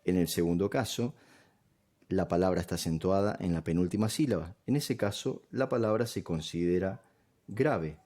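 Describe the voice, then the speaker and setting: A man teaches a grammar lesson. He explains patiently, one step at a time, pausing to ask if the listener is following. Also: low-pitched, mellow. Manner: patient, step-by-step, checks understanding with "¿sí?".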